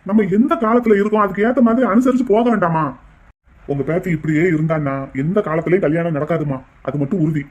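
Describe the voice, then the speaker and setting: A man's voice: high-pitched, fast talker, a little mellow. Man voicing a pushy cartoon marriage broker. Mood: persuasive. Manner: persuasive, talkative. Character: fast-talking middle-aged cartoon marriage broker, pushy.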